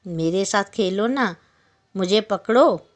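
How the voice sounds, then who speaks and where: A woman's voice: medium pitch, animated, slow pace. A woman voicing a tiny, stubborn female fly that teases and talks back in a whiny, childish way. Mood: teasing.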